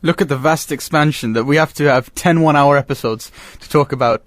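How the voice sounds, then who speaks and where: Radio host: a man with a slightly high voice, measured recaps, dry studio sound. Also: no echo. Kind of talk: radio discussion.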